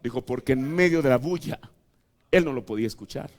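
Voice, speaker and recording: A male preacher giving a sermon in a church, dramatic, dropping to hushed asides and rising to shouts. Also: mid-range voice, expressive, fairly quick. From Mexico. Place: church tabernacle.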